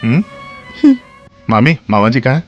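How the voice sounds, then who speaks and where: A man voices an easygoing man saying goodbye to his family. His voice is mid-pitched and tender, with playful teasing that covers his sadness. Loud film music runs beneath his lines. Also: moderate pace, no room sound, highs cut off, natural voice. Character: cheerful man leaving family for abroad. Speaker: dubbing actor. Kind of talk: Hindi film dub. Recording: dubbed dialogue over loud film music.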